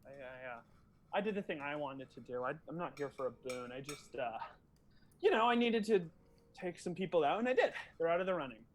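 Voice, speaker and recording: A man's voice: a little high, animated, a little fast, a little hiss or hum, natural voice. A man voicing a smug male fighter who talks in a hesitant, filler-laden drawl. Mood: casual.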